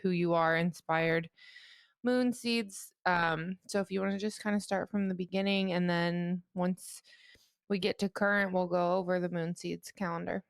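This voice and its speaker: A woman hosting a storytelling podcast, asking relaxed questions full of fillers. Her voice has a gravelly fry underneath yet sounds smooth and resonant, and the recording is dry and close. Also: fairly low pitch, moderate pace, no echo. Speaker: podcast host. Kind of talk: casual podcast interview.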